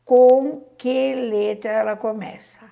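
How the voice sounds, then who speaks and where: Slightly high yet dark in tone, this woman's voice is steady, slow and marked by vocal fry. A Brazilian primary school teacher with a Brazilian Portuguese accent, she reads and explains a worksheet to young pupils, patiently counting aloud and asking questions.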